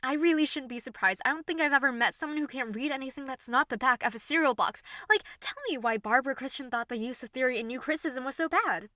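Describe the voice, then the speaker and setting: A woman acts out a young female tsundere tutor in an audio role-play, with a high voice and a gravelly fry at its edges. She is snappy and sharp-tongued but turns halting, breathy and remorseful, taking her time over the words. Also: no room sound, studio quality. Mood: exasperated, scornful. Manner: sharp scolding that softens into halting, breathy near-whispers.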